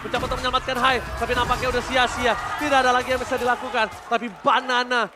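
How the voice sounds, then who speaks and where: High-pitched, hyped Indonesian male game announcer. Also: level tone, racing, over music. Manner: hype, dramatic calls with shouting. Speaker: esports play-by-play caster. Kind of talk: excited fighting game announcer style esports commentary. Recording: crowd noise behind the voice.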